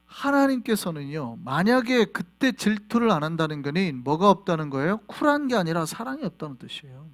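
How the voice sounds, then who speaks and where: A male pastor preaching a sermon in a church, animated and quizzing the congregation with questions. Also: on the high side, a little fast, few pauses. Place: church sanctuary.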